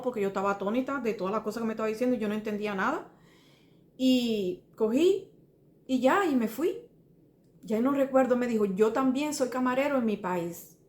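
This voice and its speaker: A middle-aged woman with a Cuban Spanish accent, sharing a faith testimony in a slightly high voice. She talks earnestly and circles back over details, often turning to the listener as brother. The recording carries a roomy echo. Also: a little mellow. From Cuba. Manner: earnest, rambling, restarts and repeats details, addresses listener as brother. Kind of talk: personal testimony.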